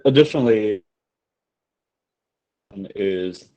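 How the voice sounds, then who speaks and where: A man's voice: fairly low pitch, lively intonation, drawn-out words, dark tone, dull audio. A man on a video call whose voice keeps cutting out over a bad connection, so his words arrive in broken fragments. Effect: choppy bad call connection, cutting out. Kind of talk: online meeting discussion.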